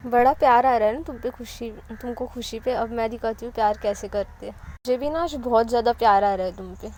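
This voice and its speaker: A woman's voice: fairly high pitch, a little fast, a little hiss or hum, lightly acted. A woman voicing a jealous young woman in a love story who has been drinking and talks back defiantly. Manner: shouting, defiant.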